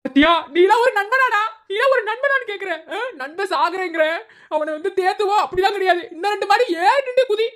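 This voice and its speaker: A lovesick young college guy in a cartoon, put on by a woman, his voice pitched very high. He wails and pities himself without end, all drama. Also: animated, quick pace. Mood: indignant. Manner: wailing, self-pitying, over the top. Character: lovesick melodramatic young male college student. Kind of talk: cartoon voice acting.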